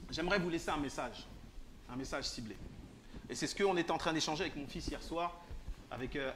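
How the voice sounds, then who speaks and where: Lay preacher, man, fairly high voice, playful teasing delivery with questions to the room, faint background hiss. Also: a bit bright. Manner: joking, teasing, questions the audience. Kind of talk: informal sermon to a congregation. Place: church hall.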